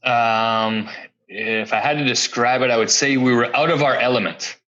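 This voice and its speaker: A man in his forties, once a professional hockey player, guests on a podcast and tells relaxed stories, chuckling between them as he reminisces. His medium-pitched voice is steady, bright and forceful, moving at a moderate pace, though the audio sounds dull.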